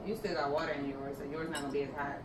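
A woman's voice: low voice, steady tone, rapid-fire. A young woman chatting casually and slangily, with a chiding streak. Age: young adult. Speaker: vlogger doing a noodle eating challenge. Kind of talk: casual chat. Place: living room sofa, indoors. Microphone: camera a few meters away. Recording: roomy, distant, noisy camera audio.

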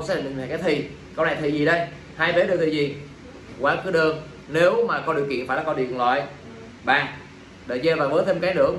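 A man's voice: on the high side, a bit bright. A male teacher running an exam review lesson, drilling his students with constant check-in questions in a classroom. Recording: echoey room, mic at a distance, faint ambient noise.

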